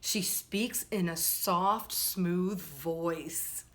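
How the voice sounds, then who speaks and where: Over a noisy background, a woman with a fairly low voice reads a picture book expressively as host of a children's storytime. Her pace is slow, her phrasing that of a storyteller, and she addresses the kids directly.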